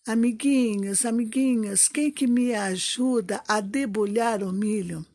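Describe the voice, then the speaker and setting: Storybook hen, patient and soft-spoken, slow and airy; a woman acts it out. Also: a little high, dry recording, studio quality. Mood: asking. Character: gentle, patient hen who works alone.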